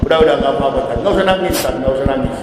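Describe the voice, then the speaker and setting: A male preacher voicing a gentle angel who softly wakes the dead, speaking in a hushed, coaxing way. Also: medium pitch, very fast, recorded from a distance, noisy background, pitched below the performer's own voice, natural voice. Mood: tender. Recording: echoey hall with long reverb.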